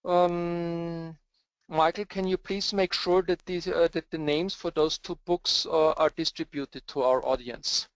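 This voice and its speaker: A hesitant Austrian presenter, a cluster architect, answers webinar questions in a slightly high, steady, smooth voice with an Austrian German accent, unhurried and full of filler sounds. The webinar audio is dull, lo-fi, and dry.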